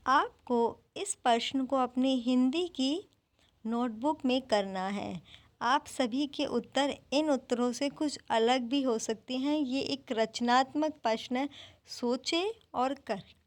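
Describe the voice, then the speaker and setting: A woman teaching a primary school class online, drilling words slowly one at a time. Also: high voice.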